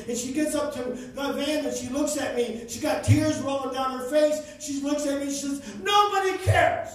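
A man's voice: very high-pitched, recorded from a distance. Impassioned preacher man in echoey church. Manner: impassioned, builds to shouting. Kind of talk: sermon. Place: church sanctuary.

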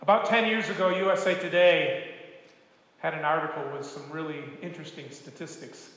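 An older man, a retired pastor, preaching a sermon with gentle, folksy storytelling and humor. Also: on the high side, fairly even intonation, moderate pace. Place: church sanctuary. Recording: echoey church hall.

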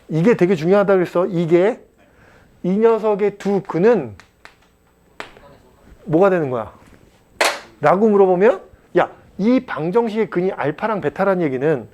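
A man teaching a math class at a cram school, blunt and chatty, joking and mock-scolding his students and checking in with quick questions. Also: fairly high pitch, darkish tone, a little hiss or hum. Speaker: math tutor.

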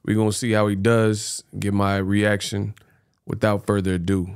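A man in his thirties hosts a reaction video from a small indoor home studio, speaking into a close, stand-mounted microphone. His commentary is colloquial and teasing, often repeating itself, in a fairly low, level voice at normal speed, with a loud crowd audible.

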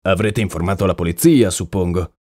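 A man voicing a shrewd, calm male detective in an audiobook, asking measured questions. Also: low-pitched, no room sound, clean studio sound, pitched below the performer's own voice. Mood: probing. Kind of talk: audiobook character reading.

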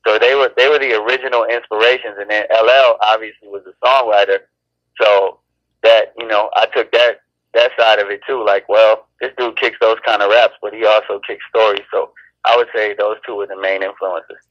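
This rapper, born in Chicago and raised in LA, rambles casually through an interview with frequent restarts in a laid-back way. He speaks at normal speed in a fairly low, steady, slightly bright voice. The recording is muffled, with no room sound.

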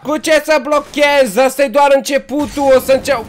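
A man playing a VR game with a friend, talking in excitable, panicky bursts and often yelling. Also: extremely high pitch. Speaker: VR game player. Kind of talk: casual gaming banter with role-play.

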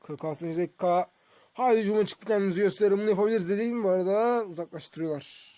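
A man's voice: high voice, very fast, mellow, dry recording. A man giving casual, conversational game commentary to his viewers as a streamer. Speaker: gaming streamer.

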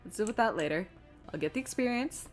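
A woman with a mid-range, expressive voice talks fast while streaming a game, faint music playing behind her. She rambles and thinks aloud in casual, self-deprecating commentary, reading chat messages out loud as she plays.

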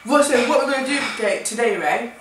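A woman's voice: a little high, expressive, quick pace. A woman co-hosting a casual vlog, joking and teasing her friend. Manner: jokey and teasing. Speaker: vlog co-host. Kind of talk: casual chat. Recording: echoey room, noisy background, far from mic.

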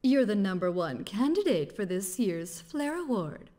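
A haughty, sultry news chief. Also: female voice, mid-range voice, very animated, warm tone. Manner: slow, condescending drawl. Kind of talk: game voice acting.

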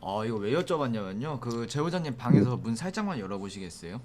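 A man's voice: mid-range voice, big pitch swings, fast, over a noisy crowd. A man working as a paranormal investigator, questioning and explaining casually in polite, hesitant phrasing.

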